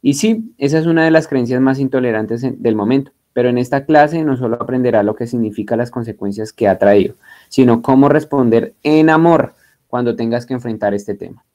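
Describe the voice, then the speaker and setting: Guy giving a bible class, chatty and jokey, spells words out slow, keeps asking if everyone's got it. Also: mid-range voice, warm tone. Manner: spells words out and checks students follow along; chatty and joking, with many restarts. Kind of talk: classroom lecture.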